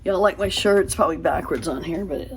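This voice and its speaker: A woman hosting her own small channel, talking earnestly to camera in a casual, halting way, tripping over her words with fillers and restarts. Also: on the low side, a little hiss or hum. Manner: earnest, pleading.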